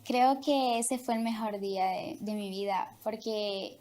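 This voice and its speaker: Slow, hesitant young woman from Honduras. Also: a little high. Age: young adult. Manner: slow, hesitant, with many fillers. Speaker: guest. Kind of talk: testimony interview.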